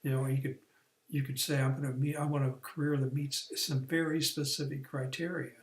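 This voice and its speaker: A man's voice: mid-range voice, level tone, a little fast, echoey room. A man, working as a career coach, explaining the steps of an online training lesson in an unscripted way, with fillers and restarts.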